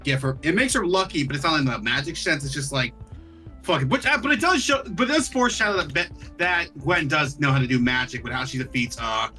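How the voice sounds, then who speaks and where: A man chatting casually on a podcast, animated and cursing freely, who slips into character voices. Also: on the high side, fairly quick, soft background music. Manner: animated, swears often, puts on character voices. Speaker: co-host.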